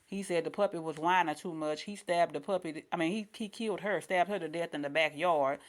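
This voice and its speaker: A woman's voice: lowish voice, brisk. A woman giving casual online commentary in a blunt, colloquial, repetitive way.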